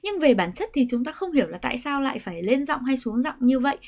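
A woman with a Vietnamese accent gives a pronunciation lesson in a fairly high voice. She explains clearly and patiently, and she slows down whenever she models an English example sentence. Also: animated, a little mellow.

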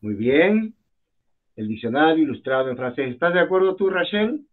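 A man's voice: fairly high pitch, very animated, moderate pace. Male teacher on a tinny video call. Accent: Peruvian Spanish. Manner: patient, repeats words, asks students questions. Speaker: French teacher. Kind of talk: online class teaching. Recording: phone-like video call audio.

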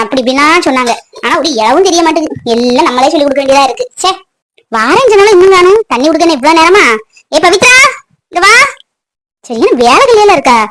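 A bossy middle-aged mother-in-law from a cartoon, who nags and grumbles at her household. Her voice sits very high and piercing. She fires off her complaints at a quick clip. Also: a bit bright. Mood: grumbling, then scolding. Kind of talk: cartoon voice acting.

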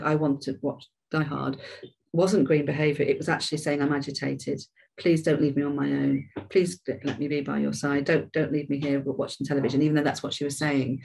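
A woman's voice: sits low, slight background noise. A woman hosting a care webinar, talking in a conversational way with frequent restarts and repeated words. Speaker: webinar host and care trainer. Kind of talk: informal webinar talk.

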